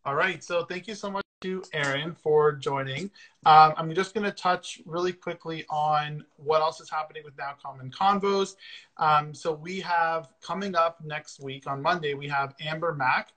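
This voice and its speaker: A man's voice: a little high, fairly even intonation, moderate pace, sharp tone, low-quality recording. A man hosting a casual livestream interview over a video call, upbeat and chatty with frequent fillers. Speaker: podcast host.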